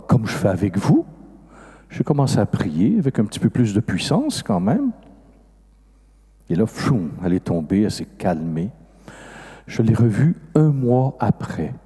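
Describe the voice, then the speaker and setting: This is an older man with a Québécois French accent, a priest telling a story from the pulpit. His voice is mellow and a little husky, and it swings widely in pitch as he acts out the dialogue. A long reverb from a big hall trails after every phrase. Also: a little slow, pauses often. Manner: animated, acts out dialogue with sudden rises in pitch. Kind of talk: storytelling sermon. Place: large festival hall.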